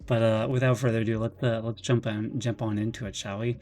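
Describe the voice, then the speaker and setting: A man streaming from his bedroom, chatting casually, rambling and excitable, with lots of restarts and a slightly nervous, jittery edge. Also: on the low side, a little fast. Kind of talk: casual live-stream chat.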